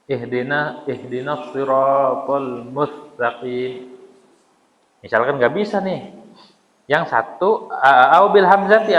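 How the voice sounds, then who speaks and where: A man's voice: medium pitch, fairly bright tone. A man teaching a casual, joking study lesson, acting out mispronunciations. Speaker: religious teacher. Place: mosque. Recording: dull sound with long hall reverb.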